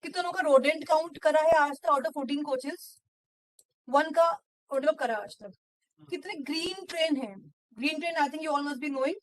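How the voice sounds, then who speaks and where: A woman running a software training session, explaining step by step with frequent fillers. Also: high voice, a little slow. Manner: mixes Hindi and English, explanatory, frequent fillers. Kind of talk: screen-share training walkthrough.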